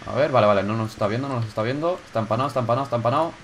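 Excitable gamer narrating his game. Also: mid-range voice, racing, noisy background. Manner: excitable, swears, shouts when startled. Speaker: gaming YouTuber. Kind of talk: casual gameplay commentary.

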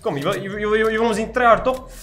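Boastful young man, high voice. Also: quick pace, fairly bright tone. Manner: boastful, trash-talking, repetitive taunts. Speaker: gaming YouTuber. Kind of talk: live gameplay commentary.

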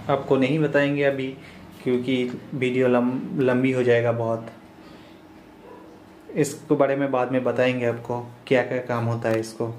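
Young man, shop owner, casual tour vlog, steady monotone, echoey small room, faint room hum. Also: medium pitch. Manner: plain, listing items one by one. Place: small cyber cafe shop, indoors.

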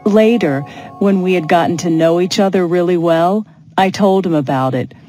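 Woman, chatty first-person storyteller, fairly low and mellow, with faint music underneath. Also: moderate pace. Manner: chatty, recounting. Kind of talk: scripted first-person monologue for listening practice.

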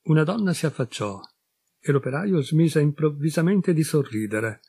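Man, Italian accent, audiobook reading, husky tone, measured and expressive, dry close sound. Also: medium pitch, no echo. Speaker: audiobook reader. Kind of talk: scripted literary narration.

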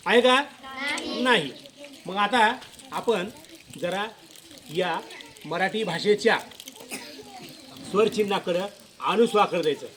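A man's voice: sits high, lively intonation, slow pace, pauses often, background noise. A male school teacher giving a classroom lesson to children, repeating questions and coaxing pupils to answer. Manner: repetitive questioning, coaxing pupils with filler prompts.

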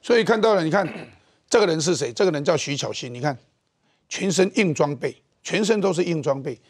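A middle-aged man with a Taiwanese Mandarin accent, hosting a political talk show with animated, mocking commentary. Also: a little high, brisk, husky.

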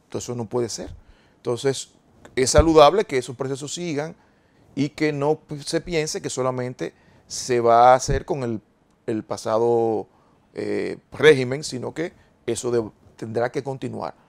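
A man speaks as a guest lawyer in a TV interview. His voice has a gravelly, creaky edge, and he sits at an ordinary middle pitch. He phrases things carefully and formally, like a legal explanation. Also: a little slow.

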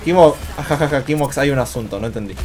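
A man's voice: mid-range voice, fast talker. A man with an Argentine Spanish accent, chatting and joking casually while streaming a game. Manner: joking, teasing, excitable. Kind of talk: casual gaming stream chat. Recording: faint game music behind. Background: faint game music.

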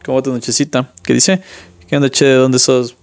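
A man's voice: mid-range voice, flat delivery, brisk. A young man from Ecuador giving casual live commentary while playing a mobile game and chatting with viewers. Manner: casual, chatty, reads viewer chat aloud. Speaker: streamer.

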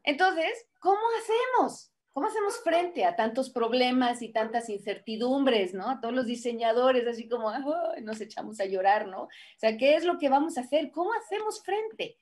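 A woman giving a motivational conference lecture in an animated way, full of rhetorical questions and acted-out voices. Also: a little high, moderate pace, hardly any pauses. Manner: acts out people's voices and excuses. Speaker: conference speaker.

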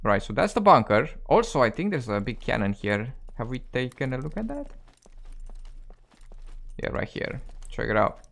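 This man runs a gaming channel and narrates his survival gameplay in a mid-range, gravelly voice that swings widely in pitch, with a fairly bright tone, moderate pace and long pauses. Hoarse and cracking with tiredness, he keeps up chatty, self-deprecating banter aimed at his viewers.

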